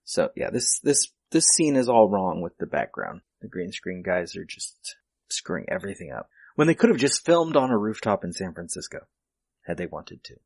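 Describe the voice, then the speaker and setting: A man's voice: deep voice, very animated, moderate pace, creaky, darkish tone, breathy edge, no echo. A man, hosting a podcast and casually picking apart a film with the others. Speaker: podcast host. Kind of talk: casual film commentary chat.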